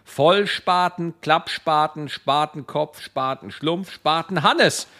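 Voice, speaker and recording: A man co-hosting a casual podcast from home, animated and quick to swear, hamming up his bits. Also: a little high. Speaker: podcast co-host. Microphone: podcast microphone.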